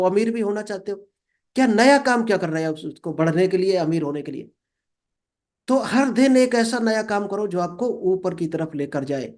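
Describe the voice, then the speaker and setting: A man giving a motivational talk. He reads each English line slowly, then explains it, and often calls the listener friend. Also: high-pitched, a little mellow. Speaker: motivational speaker.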